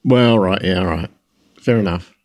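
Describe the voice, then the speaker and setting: A man's voice: deep voice, measured pace, darkish tone. A man co-hosting a podcast, throwing in wry, short comments, heard a bit farther from the mic. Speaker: podcast co-host. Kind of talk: casual chat.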